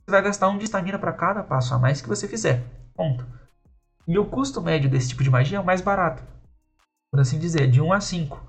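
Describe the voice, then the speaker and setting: A man's voice: fairly high pitch, animated, quick pace, soft background music. A man casually explaining the magic rules of a tabletop role-playing game, talking loosely and checking in with listeners as he goes. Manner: loose, conversational, many fillers and rhetorical checks. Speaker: tabletop RPG system designer explaining rules.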